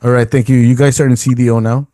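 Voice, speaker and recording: A middle-aged Filipino man hosting a radio talk show, speaking haltingly with many ums and uhs. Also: mid-range voice, flat delivery, warm tone, dry recording, studio quality. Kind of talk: casual interview.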